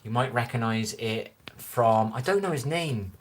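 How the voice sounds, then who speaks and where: A livestreamer from Bristol, England, with a Bristolian West Country accent, casually reads viewer comments on a phone stream in his own room with the lights turned low. His mid-range voice is expressive and measured as he rambles chattily, easily amused. There's a little hiss or hum.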